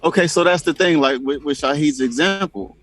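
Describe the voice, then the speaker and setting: A man's voice: a little high, fairly quick, fairly bright tone, no echo, faint music behind, poor audio. A man co-hosting a panel discussion, arguing his point. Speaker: podcast co-host.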